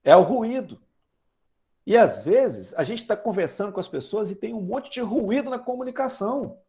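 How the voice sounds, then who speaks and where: A man's voice: high-pitched, sing-song, normal speed, dark tone. A Brazilian man in his forties preaching a chatty sermon, asking the congregation questions and using everyday examples. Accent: Brazilian Portuguese. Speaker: lay preacher. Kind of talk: conversational sermon.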